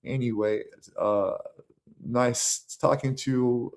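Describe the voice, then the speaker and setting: American guy rambling to his camera, lots of uhs and restarts, mid pitch. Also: steady tone, slow pace, a little mellow. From United States. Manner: rambling, with many fillers and restarts; acts out the voices of others in a raised pitch. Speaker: vlogger. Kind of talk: casual monologue to camera.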